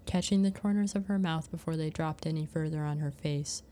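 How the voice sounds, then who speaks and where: Low, mellow woman narrating a story. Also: a little fast, a little hiss or hum.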